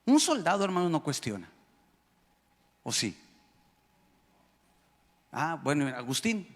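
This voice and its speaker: Mexican male pastor, high and emphatic, preaching in a reverberant hall. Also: sing-song, slow pace. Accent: Mexican Spanish. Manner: emphatic, calls out to the congregation, jokes. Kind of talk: sermon. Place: church hall.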